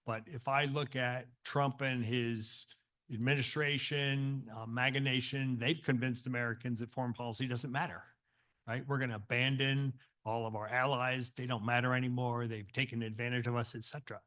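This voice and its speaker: A man's voice: medium pitch, little pitch movement, moderate pace, a bit bright. A man from the audience asking a panel a pointed question in a conversational way.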